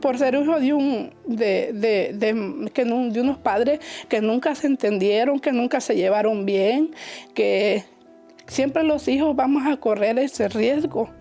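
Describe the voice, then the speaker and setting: A woman from Honduras, giving a personal testimony in church in an emotional, halting way, often repeating her words. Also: a little high, warm tone, soft background music.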